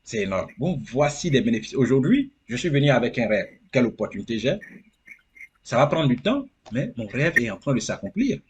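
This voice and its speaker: Man, husky voice, earnest guest who repeats himself for emphasis. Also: medium pitch, very animated, brisk. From Côte d'Ivoire. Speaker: interview guest. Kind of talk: casual interview.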